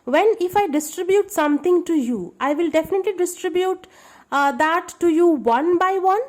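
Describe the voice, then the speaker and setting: A woman's voice: extremely high pitch, lively intonation, normal speed, a little mellow. A woman teaching a grammar lesson to schoolchildren, explaining patiently and checking that they understand.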